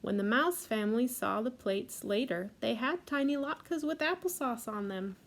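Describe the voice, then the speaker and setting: For a library storytime, a woman reads a picture book aloud and adds gentle asides about the pictures. She speaks at a moderate pace in a fairly high, creaky voice.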